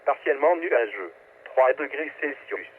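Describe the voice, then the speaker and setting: Expressive, a little slow, and slightly rough, a mid-range synthetic male voice reads scripted weather forecasts. Its clipped, impersonal lines come over a narrowband, staticky weather radio with a transmission effect.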